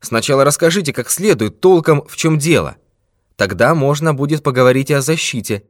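Stern detective guy, man doing the voice, a bit exasperated, lively tone. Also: fairly high pitch, fairly quick, dry recording, studio quality, pitched above the performer's own voice, close to an everyday voice. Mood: firm. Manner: firm, exasperated. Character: great detective, stern but patient man.

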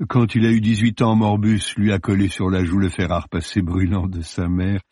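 A calm, dryly amused woman, as a male reader puts her on, in a low, husky, close voice. She states things evenly and without fuss. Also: normal speed, no echo. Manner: calm, dry, matter-of-fact.

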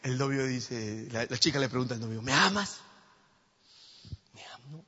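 A man preaching a sermon in a church, telling a story dramatically and swinging between loud exclamations and hushed near-whispers. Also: medium pitch, steady tone, fairly quick, dull audio.

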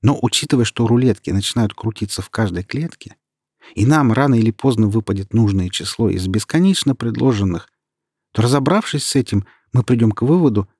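A man's voice: medium pitch, expressive, fairly quick, a little mellow, breathy edge, dry recording, studio quality. A man voicing a proud young woman who is keen on science and explains at length, in an audiobook. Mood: explaining. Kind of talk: audiobook character reading.

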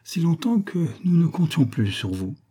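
A man reading the part of a gentle, hesitant young woman in an audiobook. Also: on the high side, sing-song, moderate pace, breathy edge, voice pushed up.

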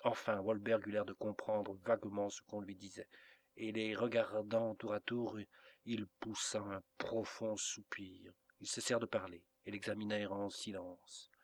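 A man reading a classic novel aloud as an audiobook narrator, in a measured, even delivery. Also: fairly low pitch, no echo. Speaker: audiobook reader. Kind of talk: literary narration.

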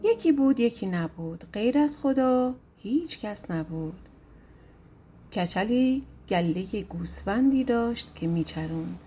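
A woman narrating a folk tale as an audiobook, calm and measured. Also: medium pitch. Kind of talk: storybook narration.

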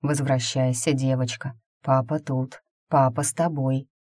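A woman reads a tender middle-aged father in a storybook, soothing his daughter with a gentle, low voice and a touch of humor. The tone is mellow and the sound is dry. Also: level tone, unhurried, dry recording.

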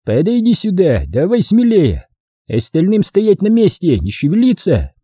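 A tough commander barks blunt orders over a crowd, as a male audiobook reader puts him on. His voice is raised and husky, with a dry, close sound. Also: high-pitched, huge pitch swings, normal speed, mellow, no room sound, voice pushed up, exaggerated voice. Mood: firm.

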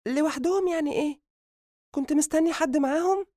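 A man voicing a brisk, matter-of-fact young woman with an Egyptian accent, who talks in a teasing way. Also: extremely high pitch, mellow, no echo, clean studio sound, voice pushed up.

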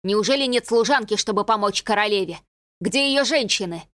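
Woman reading as a sharp commanding king, audiobook, dry close sound. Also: medium pitch, lively intonation, a little fast, no echo, close to an everyday voice. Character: king, young man, commanding and horrified.

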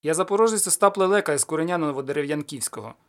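A man's voice: fairly high pitch, racing, a bit bright, close to an everyday voice. Man doing a hot-tempered cossack warrior. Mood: proud. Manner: blunt, irritable, defiant.

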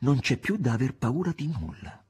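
A man reading an audiobook, voicing the devil as a calm, sly older man in a low, hushed, half-whispered voice. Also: normal speed, husky. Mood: calmly amused.

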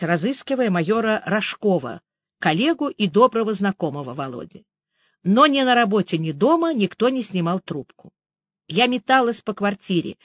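A woman narrating a story in the first person, reading in a lively, expressive way. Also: medium pitch, no room sound. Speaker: audiobook narrator. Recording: dry, slightly dull audiobook recording.

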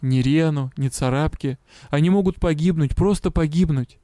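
A man's voice: fairly high pitch, normal speed, dark tone, dry recording, clean studio sound. A man reading a first-person fantasy audiobook in an emotional, intimate way. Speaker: audiobook reader.

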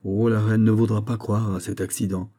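A man reading aloud, voicing an anxious old gentleman tutor in agitated, raised tones. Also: on the low side, level tone, moderate pace, natural voice. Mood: fretful.

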